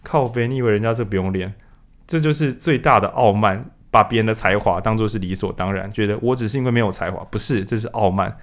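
Guy hosting a book podcast, talks fast, does little voices for quotes. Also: fairly low pitch. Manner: animated, acts out quotes in raised voices. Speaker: podcast co-host. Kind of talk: casual book discussion.

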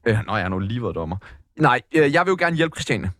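A man co-hosting a podcast, telling comic stories in casual chat and jumping high in pitch at the punchlines. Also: dry recording, clean studio sound. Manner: animated storytelling, jumps high in pitch at punchlines. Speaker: podcast co-host.

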